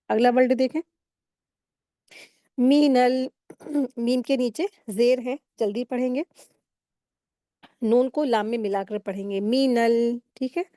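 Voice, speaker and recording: A woman teaching Quran recitation rules step by step in a patient, explaining manner, pausing to recite words slowly. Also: fairly high pitch, warm tone, no echo, studio quality. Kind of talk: step-by-step tajweed lesson.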